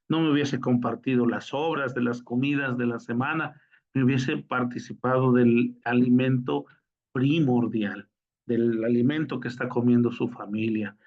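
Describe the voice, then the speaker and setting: A preacher voicing a hungry, dignified visitor. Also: male voice, medium pitch, natural voice. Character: hungry, poor male visitor, calm and dignified. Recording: lo-fi recording.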